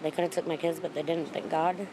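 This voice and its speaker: A mother in a child welfare case talks in a field interview, emotional and grateful. Her delivery stays flat, and clear street noise plays behind her. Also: low voice, fast.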